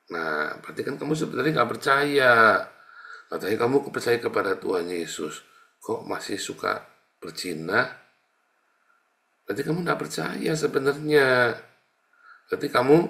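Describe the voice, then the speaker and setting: A middle-aged male pastor delivering a casual sermon with a gravelly, fry-tinged voice and a bright, forceful tone. He moves between soft, musing asides and sudden loud scolding of his listeners. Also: medium pitch.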